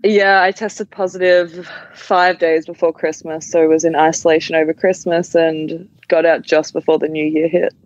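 A young woman chats easily as a podcast guest, filling pauses with ums and likes. Her audio comes through dull and dry, like a remote call, with no room sound. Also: sits low, little pitch movement, dry recording. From Australia. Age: young adult. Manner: easygoing, many ums and likes. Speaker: guest, college basketball player. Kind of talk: casual interview chat.

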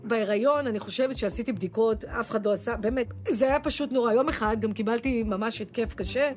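A woman excitedly telling a comic personal story. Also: a little high, soft background music. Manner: excited, exclaiming.

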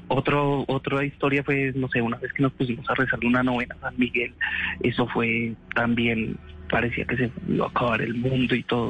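A man's voice: mid-range voice, a bit bright, a little hiss or hum, poor audio. A man casually telling a story in an interview, rambling with restarts and slangy asides.

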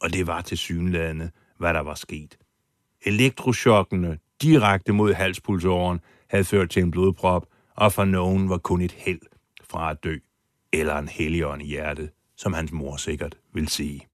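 Give me a low-voiced man narrating a documentary with drama, dry and close. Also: steady tone, no echo. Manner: dramatic storytelling, acting out quoted speech. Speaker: podcast host and foreign correspondent.

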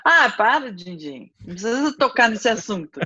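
A woman's voice: a little high, big pitch swings, normal speed, sharp tone, breathy edge, no echo. A woman in her fifties with a Brazilian accent, a guest talking in a chatty, playful way over a call line. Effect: heard over a call line. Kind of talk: casual chat. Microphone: call from home. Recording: muffled call audio, faint music behind.

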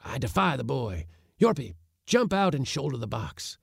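A man voicing an excitable, secretive old uncle who gives urgent hissed whispers and sharp commands. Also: mid-range voice, normal speed, vocal fry, breathy edge, dry recording, clean studio sound, voice pushed up, full character voice. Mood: urgent, commanding.

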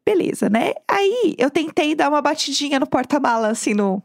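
A Brazilian woman with a Brazilian Portuguese accent, telling a story in an animated casual chat with frequent laughter, over a video call. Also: sits high, moderate pace, vocal fry, no room sound, clean studio sound. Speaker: podcast co-host.

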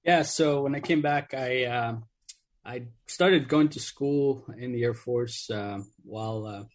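A man's voice: mid-range voice, a little slow. A man born in Mexico, a radio guest and Air Force veteran, talking earnestly with many fillers. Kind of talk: casual radio interview.

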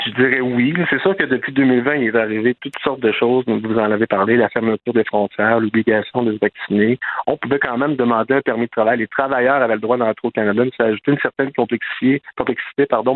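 A man with a Quebec French accent explaining things as a guest in a radio interview. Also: medium pitch. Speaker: interview guest, immigration professional. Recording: tinny narrow-band phone line.

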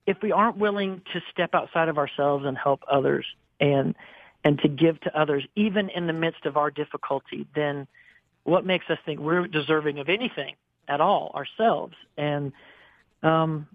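A man's voice: a little high, no room sound. A man in his forties, a guest singer, telling personal stories in an earnest, emotional way with many restarts. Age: 40s. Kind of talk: candid storytelling on a radio interview. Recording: dry, phone-like line.

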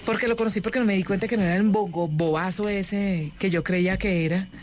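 A woman's voice: mid-range voice, a little fast, a little hiss or hum. Woman guest, chatty, plays out quoted lines. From Colombian Caribbean coast. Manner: animated, acts out quoted voices. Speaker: interview guest. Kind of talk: casual storytelling interview.

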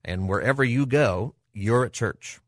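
A man's voice: mid-range voice, unhurried, dry recording, clean studio sound. A middle-aged man hosting a live radio talk show in a conversational way, with a showman-like announcer manner.

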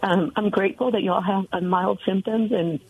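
Woman radio caller, tinny phone line, breathy voice, earnest, halting. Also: medium pitch, steady tone. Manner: earnest, halting, many fillers. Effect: heard over a telephone line. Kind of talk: heartfelt call-in message.

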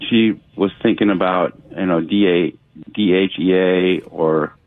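Low-voiced man in his sixties on a phone line. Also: steady tone, no room sound. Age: 60s. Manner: halting, with restarts and throat clearing. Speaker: caller. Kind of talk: call-in question. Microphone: telephone.

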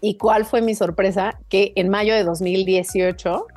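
A Mexican woman in casual chat, an animated storyteller who acts out the voices in the dialogue she quotes. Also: medium pitch, a little slow, faint music behind. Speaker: linguistic advisor and football host.

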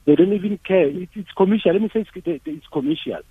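A man's voice: high-pitched, quick pace, dry recording. A South African man, a native Sepedi speaker, calling a radio show by phone and arguing insistently, repeating phrases for emphasis. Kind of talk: opinionated phone-in argument. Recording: rough, narrow phone line.

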